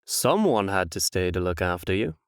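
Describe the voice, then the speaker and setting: A man playing a suave, vain, scheming fairy-tale prince in a comic dub, smooth-talking, theatrical and falsely humble. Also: sits low, big pitch swings, normal speed, no room sound, studio quality. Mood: soothing, sly.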